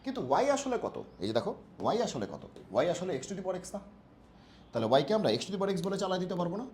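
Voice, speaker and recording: A man tutoring math for an exam, fast and playful, using jokey homely analogies. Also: sits high, big pitch swings, darkish tone, a little hiss or hum. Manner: talks fast on purpose. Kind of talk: exam-prep math lesson.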